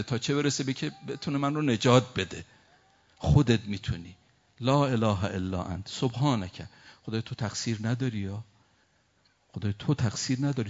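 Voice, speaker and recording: A man preaching a religious sermon, reciting Arabic verses slowly and then explaining them with rising emotion. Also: mid-range voice. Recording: dull lo-fi recording.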